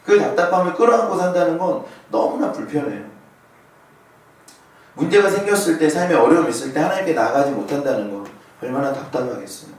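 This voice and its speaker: A man's voice: fairly high pitch, animated, fast talker. A man in his thirties preaching a sermon as a pastor, telling a personal story and putting questions to the congregation. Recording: very echoey hall, voice from far off.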